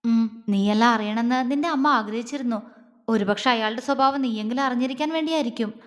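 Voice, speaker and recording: Woman playing a tender young man, gentle, slow, slightly lowered voice, audio story, reverberant. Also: close to an everyday voice. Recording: long reverb.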